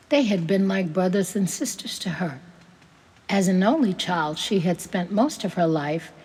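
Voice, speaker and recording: A woman reading a short story aloud in a slow, gentle manner. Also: mid-range voice, in a large hall, a little hiss or hum.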